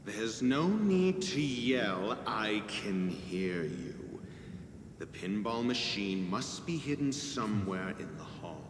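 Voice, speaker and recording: A man's voice: lowish voice, sing-song, takes it slowly. An actor playing an aloof, condescending male scholar in a video game. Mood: haughty. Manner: curt, condescending. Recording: roomy hall echo with noise.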